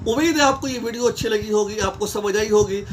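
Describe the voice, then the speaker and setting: A man with a very high voice gives a patient step-by-step religious lesson. He keeps checking that the listener follows and slows down to recite prayer phrases. A faint hiss sits under the recording. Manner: explains step by step, often checking "theek hai?"; recites Arabic prayer phrases slowly mid-explanation. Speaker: religious teacher.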